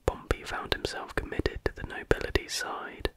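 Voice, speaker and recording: A reader voices a factual text entirely in an unvoiced, breathy whisper. The delivery is careful and measured, in ASMR style.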